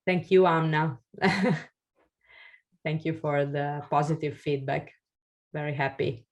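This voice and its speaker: Speaking slowly in a low, darkish voice with a steady tone, a woman presents a founders' workshop by webinar and fields questions over a video call. Italian is her first language; she's hesitant, full of fillers and restarts, and the audio is dull.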